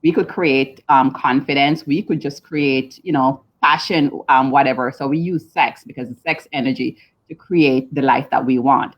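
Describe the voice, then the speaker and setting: Low-voiced Jamaican woman, lo-fi. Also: moderate pace. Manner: relaxed, chatty, frequent ums. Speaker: guest coach. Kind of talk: casual interview chat. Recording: dull lo-fi sound.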